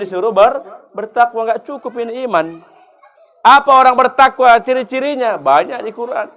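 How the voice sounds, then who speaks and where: A man preaching a joking, lively sermon to women, mimicking his listeners. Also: on the high side, lo-fi sound. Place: gathering hall.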